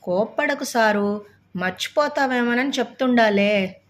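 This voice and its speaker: A woman's voice: fairly high pitch, measured pace, voice pushed up, close to an everyday voice. A woman voicing a humble, pleading poor village man from the countryside, who speaks deferentially.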